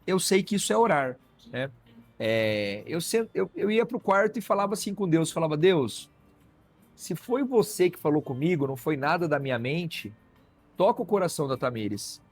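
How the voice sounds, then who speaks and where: A man's voice: on the high side, sing-song, normal speed, soft background music. A man, a physician guest telling a personal story in conversation and acting out the dialogue. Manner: storytelling, acts out quoted dialogue, frequent "né?" tags.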